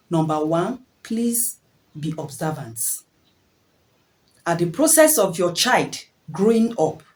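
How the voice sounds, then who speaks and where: A woman's voice: fairly low pitch, darkish tone, poor audio. A woman giving parenting advice in an earnest, preachy way, repeating phrases and asking rhetorical questions. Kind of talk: preachy advice talk to camera.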